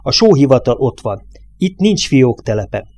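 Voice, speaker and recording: A man's voice: mid-range voice, sing-song, a little mellow. A man voicing a domineering, coarse truck driver in an audiobook reading, pressing his nervous partner hard. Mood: bossy.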